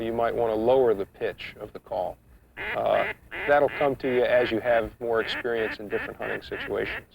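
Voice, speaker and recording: A man giving an instructional demonstration, explaining each step in a measured, practical way. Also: lowish voice, vocal fry, a little hiss or hum. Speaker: duck calling instructor. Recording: muffled, dull 1990s instructional video sound.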